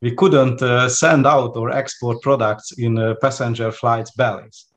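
A man's voice: medium pitch, steady tone, a little slow. A man in his forties from Hungary with a Hungarian accent, speaking as an interview guest over a video call, hesitant with many fillers and restarts. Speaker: guest lecturer. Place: home room with plants. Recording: faint background noise on video call.

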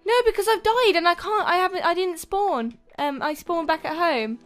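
Very high, excitable woman gaming. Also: normal speed, faint music behind. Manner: excitable, cries out in alarm. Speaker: co-player. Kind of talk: excited gameplay chat.

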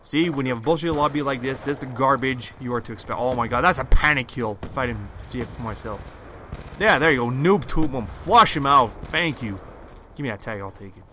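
Raging gamer, male, forceful edge, sarcastic and foul-mouthed commentary over faint game gunfire. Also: medium pitch, a little fast, a little hiss or hum. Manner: raging gamer, exasperated outbursts, sarcastic, heavy swearing. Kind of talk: raging gameplay commentary, profane. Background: video game gunfire.

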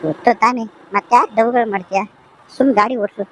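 A man's voice: very high voice, a little fast, fairly bright tone, slight background noise, voice pushed up, rough recording. A man voicing a cheeky talking motorbike that scolds its rider in a comic motovlog sketch. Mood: scolding. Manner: bossy, scolding, talks back.

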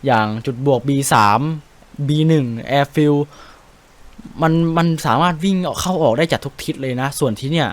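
A young man with a Thai accent giving casual gameplay commentary, chatty and excitable, swearing casually while he explains tactics. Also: fairly high pitch, normal speed. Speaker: game streamer.

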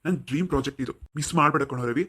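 A man's voice: a little high, rapid-fire, pushed and bright, breathy edge. An actor playing a wealthy middle-aged father who owns a company, affectionate but insistent. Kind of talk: cartoon voice acting.

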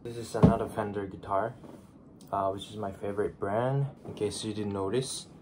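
Loud music plays behind this Japanese vlogger in his twenties as he talks to a camera on his desk in a small bedroom. He has a Japanese accent and a fairly low, steady voice at normal speed. Groggy from just waking up, he's chatty and self-deprecating and restarts phrases.

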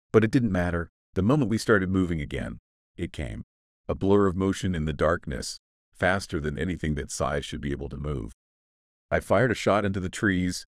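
A man's voice: sits low, no echo, studio quality. A man giving a scripted first-person horror narration, grave and suspenseful in his storytelling.

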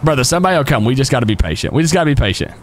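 Fast-talking, very animated man streaming. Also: mid-range voice, slight background noise. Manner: folksy, excitable, addresses chat and buddies. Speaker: streamer and police role-play host. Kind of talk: casual live stream chat while playing.

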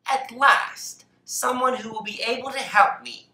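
A woman's voice: on the high side, a little slow, bright, forceful tone, distant mic. A woman voicing an indignant little male mole in a children's storybook reading. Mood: excited. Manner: insistent, repeating the same question. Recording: roomy echo.

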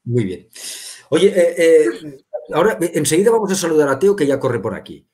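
A man's voice: fairly high pitch, sing-song, normal speed, warm tone. A man hosting a casual talk as a bookseller, telling anecdotes in a chatty way with frequent stammers and repeated words. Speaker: bookseller and host. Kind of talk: casual conversation.

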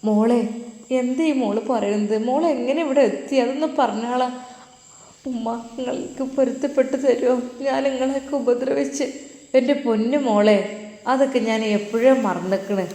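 A woman voicing an elderly, pious, protective mother who speaks in a soft, tender way. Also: fairly high pitch, normal speed, close to an everyday voice. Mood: gentle coaxing. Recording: echoey roomy recording with long reverb.

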